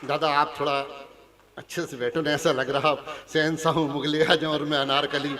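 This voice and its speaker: A man's voice: fairly high pitch, level tone, normal speed, in a large hall, a loud crowd, heavy background noise. A man from Punjab performing stage comedy at a poetry gathering, teasing the audience in a chatty way. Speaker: stand-up comic poet. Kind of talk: hasya kavi sammelan stage comedy.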